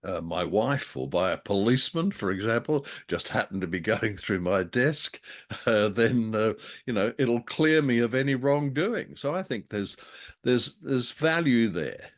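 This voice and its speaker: Co-hosting a podcast, an Australian man speaks in a medium-pitched voice, animated and a little slow. The conversation is relaxed and unscripted, and he tells things with dry humour.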